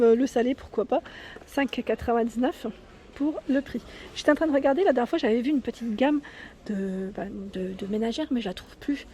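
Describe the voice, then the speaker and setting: High-voiced chatty woman vlogging in a store. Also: dark tone, slight background noise. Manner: chatty, adds "hein" often, addresses viewers directly. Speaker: vlogger showing store products. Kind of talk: casual shopping vlog with price commentary. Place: inside a large furniture store, filming while walking.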